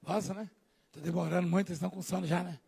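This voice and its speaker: A Brazilian man preaching a live church sermon, joking with the congregation and swinging from low asides to shouting. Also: fairly even intonation, racing, vocal fry, slightly rough, soft background music. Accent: Brazilian Portuguese. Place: large church hall.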